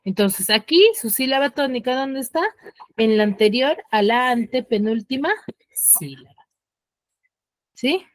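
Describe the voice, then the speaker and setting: A woman teacher giving an online class, often stopping to check that students follow and slowing down to stress key rules. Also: on the high side, dry recording. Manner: checks understanding with frequent "ya?" and "sí?".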